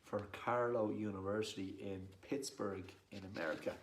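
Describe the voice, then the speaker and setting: At a normal speed, a Dublin-accented man from Dublin, Ireland, with a lowish voice and fairly even intonation, introduces himself as a poet and performer. He speaks to camera in a casual, rambling, self-deprecating way. Echo fills the room, and background noise is clear.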